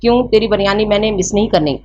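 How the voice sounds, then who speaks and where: A woman reading the part of a young man who jokes and mocks his friend in a rapid rush, in an audio novel. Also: mid-range voice, a little mellow, pitched above the performer's own voice, natural voice. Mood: mocking. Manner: rapid, mocking. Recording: slightly muffled with faint hiss.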